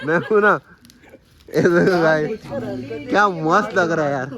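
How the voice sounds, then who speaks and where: Chatty man vlogging, slightly high voice. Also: unhurried, a crowd in the background. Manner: chatty, keeps addressing viewers as guys. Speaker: vlogger host. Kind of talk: casual family vlog chat. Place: temples and outdoors on a family outing.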